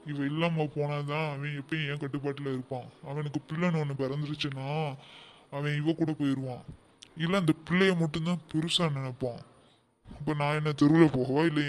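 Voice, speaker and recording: A man's voice: a little hiss or hum, close to an everyday voice. A man voicing a greedy, scheming middle-aged mother-in-law in a cartoon, bossy and plotting. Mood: gloating. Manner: plotting, bossy, shrill when alarmed. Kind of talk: cartoon voice acting.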